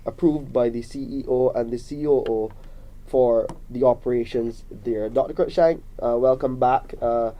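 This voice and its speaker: A man's voice: mid-range voice, fairly even intonation, moderate pace, dull audio. A man hosting a hospital radio talk show, greeting listeners and introducing guests in an upbeat way.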